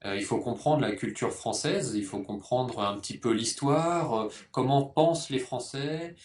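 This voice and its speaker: A man's voice: mid-range voice, distant mic, a little hiss or hum. Man talking off-mic in a roomy space. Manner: thoughtful, measured, frequent hesitations. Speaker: guest teacher. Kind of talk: conversational interview answers.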